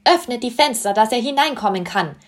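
A woman's voice: a little high, lively intonation, fairly quick, voice pushed up, natural voice. A woman voicing a friendly, kindly male king in a storybook reading, speaking in an encouraging way. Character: friendly old male king, warm and eager.

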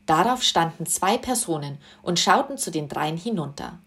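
A woman's voice: on the low side, expressive, normal speed, a bit bright. Woman reading a children's story aloud. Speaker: narrator.

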